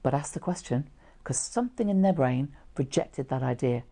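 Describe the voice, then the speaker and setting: A middle-aged woman teaches in an informal, conversational style. Her voice sits low and has a mellow tone with plenty of creak. She explains each point plainly, as if chatting to a small class. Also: animated, moderate pace. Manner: explanatory, conversational, with short illustrative asides. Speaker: trainer teaching how to read facial expressions. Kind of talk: informal instructional presentation to camera. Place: small indoor room, seated.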